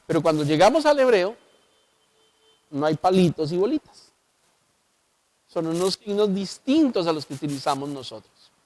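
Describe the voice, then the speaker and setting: A man's voice: sits high, big pitch swings, normal speed, pauses often, a little mellow. A man with a Colombian accent, a pastor explaining the Bible on local television, who often puts rhetorical questions to his listeners. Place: local TV studio.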